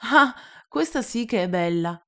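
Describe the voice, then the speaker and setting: An earnest little boy from another planet speaks up in a high, wondering voice, as a woman puts him on while reading aloud. His questions come gentle and curious, the way a storybook child asks them. The piped-up voice sits well above the reader's own low register. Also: big pitch swings, normal speed.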